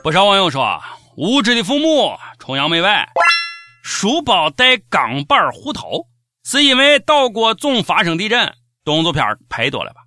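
A man's voice: sits high, huge pitch swings, normal speed, over music. A man with a Shaanxi accent hosting scripted satirical news commentary in a mocking, sarcastic manner. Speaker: host of a comic news show.

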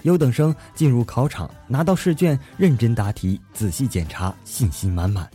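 A man hosting a comedy radio show, telling jokes in speech with animated storytelling and acted-out punchlines. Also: medium pitch, moderate pace, soft background music. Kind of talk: lively comedic joke-telling radio narration.

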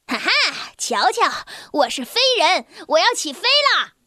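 A woman voicing a boastful schoolboy who shouts excitedly, in a children's storybook reading. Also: high voice, measured pace, no echo, clean studio sound, heavily acted. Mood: gleeful. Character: boastful schoolboy who thinks he can fly.

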